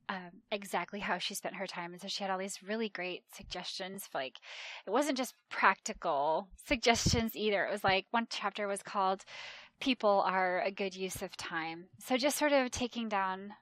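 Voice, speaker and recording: A woman's voice: mid-range voice, moderate pace, no echo. A woman in her thirties, a travel agent, chatting animatedly as a podcast guest. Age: 30s. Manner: chatty and animated, mimics voices in retold quotes. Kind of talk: casual conversational interview.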